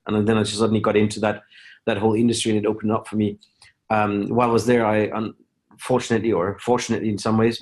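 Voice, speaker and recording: A middle-aged man from Denmark talks through his story as a podcast guest, in a fairly low voice. He stumbles and restarts often, piling up fillers as he goes. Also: a little mellow. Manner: halting, many restarts and fillers. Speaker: guest, company founder. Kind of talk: casual interview talk.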